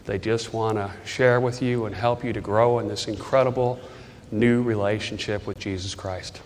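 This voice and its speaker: Man, earnest altar-call preacher, lowish voice, long hall reverb, faint room noise. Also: steady tone, normal speed. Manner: earnest, leads a prayer line by line. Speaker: guest speaker. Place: church hall.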